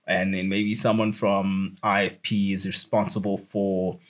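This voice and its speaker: Young South African guy co-hosting a chat podcast; easygoing and rambling, quick to laugh, calls his friend dude. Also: low-pitched, little pitch movement. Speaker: podcast co-host. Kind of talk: casual chat.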